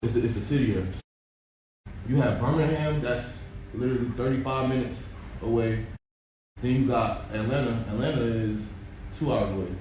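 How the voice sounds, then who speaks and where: A man from Alabama talks casually in a team discussion, with a mid-pitched voice. He sounds far from the microphone in a heavily echoing room with clear background noise. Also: moderate pace, a little mellow. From southern United States, Alabama. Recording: echoey room, distant and noisy.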